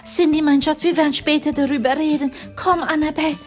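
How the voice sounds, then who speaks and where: A woman voicing a doting, worried mother in a kids' animated story. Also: high-pitched, fairly quick, natural voice. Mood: fretful. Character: fussy caring mother.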